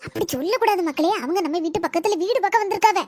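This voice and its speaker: A high young voice playing a patient village mother in a comic family skit. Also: racing, a little mellow. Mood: gently scolding. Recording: noisy homemade recording.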